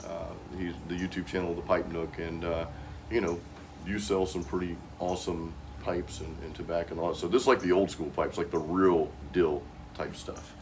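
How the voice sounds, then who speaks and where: A middle-aged American man hosts a casual chat in a very low voice. His talk is loose and slangy, and there is clear noise in the background. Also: level tone, moderate pace. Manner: informal, peppered with "dude" and "man". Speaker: host.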